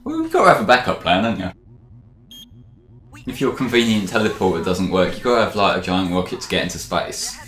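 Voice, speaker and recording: A man's voice: deep voice, sing-song, brisk, a bit bright, echoey room. A man giving casual commentary on a video game with a co-host, rambling with lots of fillers and frequent laughs. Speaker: let's play commentator.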